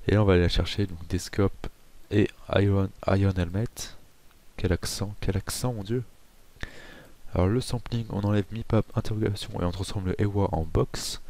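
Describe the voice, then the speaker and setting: Low-voiced Frenchman explaining software. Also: moderate pace, gravelly. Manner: chatty, self-mocking asides, frequent fillers. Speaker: tutorial host. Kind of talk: casual screen-recorded software tutorial.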